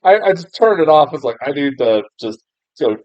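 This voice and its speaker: A native English-speaking young man from the US reviews a film casually at a moderate pace, his voice on the high side with a sing-song lilt. He digresses constantly, restarting sentences, padding with fillers, chuckling at himself and dropping mild swear words. It's a dry, muffled, low-fidelity recording.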